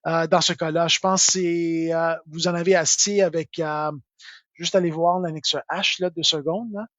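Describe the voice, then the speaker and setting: Québécois man with a high voice. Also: steady tone, normal speed, a bit bright, dry recording, dull audio. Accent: Québécois French. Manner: informal, full of filler words and tag "là". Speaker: tax software expert answering questions. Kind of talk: live Q&A.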